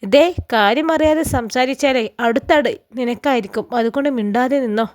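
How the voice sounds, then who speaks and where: A harsh, scolding middle-aged father in a family story, read by a woman. He sounds angry and stern, yet the voice stays high and light. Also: moderate pace, lightly acted.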